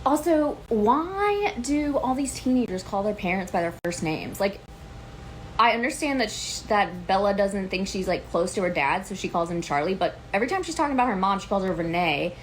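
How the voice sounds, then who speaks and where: A woman in her thirties, sitting on her couch at home and venting about a book. Her voice sits in a middle register, and her delivery is animated and exasperated, packed with "like" and casual swearing. A faint hum of noise lies under her voice. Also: mid-range voice, normal speed, low-quality recording. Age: 30s. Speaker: book vlogger. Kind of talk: casual ranting vlog.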